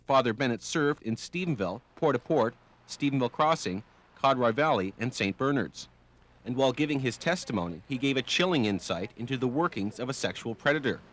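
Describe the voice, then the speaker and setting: A man's voice: medium pitch, a bit bright, no room sound. A man reading a scripted television news report as a reporter.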